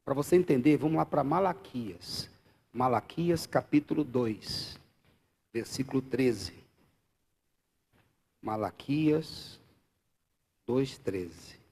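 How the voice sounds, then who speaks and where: A pastor with a Brazilian Portuguese accent delivers a live church sermon, shifting between loud exclamations and quiet asides while joking with the congregation. His mid-range voice moves a little slowly, with vocal fry and a breathy edge.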